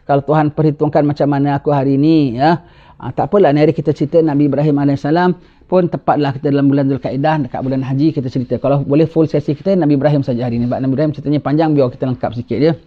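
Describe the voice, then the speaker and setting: A man teaching a religious class who tells a story in an animated way and keeps asking his listeners "ha?" to draw them in. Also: mid-range voice, rapid-fire, dull audio. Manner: animated, tags lines with rhetorical "ha?". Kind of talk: sermon storytelling.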